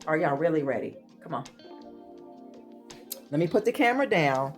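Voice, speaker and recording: Excited chatty woman vlogger. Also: low voice, normal speed, soft background music. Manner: excited, chatty, addresses viewers as y'all. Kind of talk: casual chat. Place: home office.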